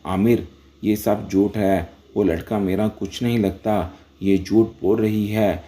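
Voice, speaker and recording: A man's voice: fairly low pitch, steady tone, mellow, lightly acted. A man reading the lines of an angry, outspoken young married woman in a storybook narration, scolding. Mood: shocked.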